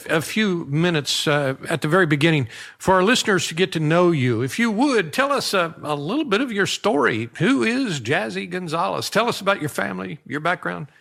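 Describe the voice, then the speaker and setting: Older pastor hosting with a higher-pitched voice. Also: male voice, gravelly, fairly bright tone. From American Midwest. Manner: measured, formal and earnest. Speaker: pastor and podcast host. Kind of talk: podcast interview. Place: podcast studio.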